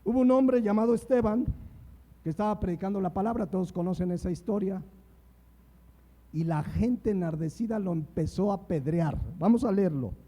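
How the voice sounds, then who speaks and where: A man's voice: high voice, moderate pace, dark tone. A man preaching a sermon, reading scripture aloud and retelling it with emphasis. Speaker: pastor.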